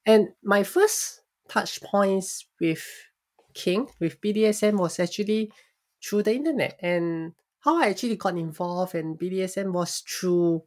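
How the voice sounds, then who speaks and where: A woman's voice: medium pitch, a little slow, a little mellow. A young adult woman from Singapore, telling her story openly and reflectively as a podcast guest. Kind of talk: podcast interview.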